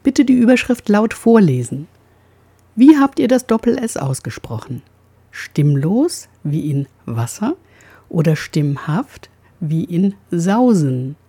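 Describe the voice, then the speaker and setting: A woman's voice: fairly low pitch, animated, slow, mellow, breathy edge. A woman giving a precise talk on pronunciation, who says the sounds aloud as she explains them.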